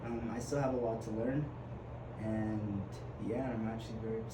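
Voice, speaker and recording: A man's voice: lowish voice, fairly even intonation, normal speed. A twenty-one-year-old man from Uganda, a podcast guest talking casually, chatty and hesitant with lots of fillers and restarts. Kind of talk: casual conversation. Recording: echoey room with background noise.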